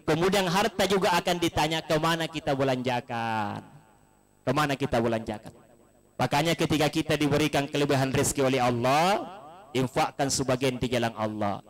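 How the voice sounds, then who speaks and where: High-voiced joking preacher. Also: male voice, a bit bright, poor audio. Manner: storytelling with jokes and voiced quotes, leaps up for emphasis. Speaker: Islamic preacher. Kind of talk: humorous sermon at a condolence gathering. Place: live gathering in a home, broadcast on radio.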